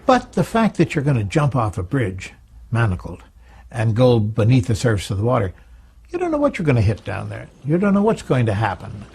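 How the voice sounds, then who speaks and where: A man's voice: mid-range voice, wildly swooping pitch, a little fast, vocal fry, darkish tone, slightly rough. A man recounting magic history as a wry storyteller in a documentary interview.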